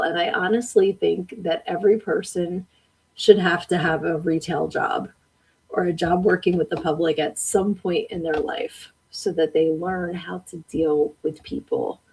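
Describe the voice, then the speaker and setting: On poor audio, this woman's lowish voice comes across a little mellow and husky. She's a chatty live-stream podcast host who answers her viewers' comments after reading them aloud, laughing frequently along the way.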